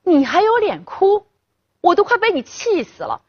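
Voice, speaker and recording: A woman voicing a drunk, furious middle-aged father who shouts and scolds. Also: very high-pitched, wildly swooping pitch, moderate pace, pitched above the performer's own voice, exaggerated voice. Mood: raging. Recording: dull lo-fi, dry.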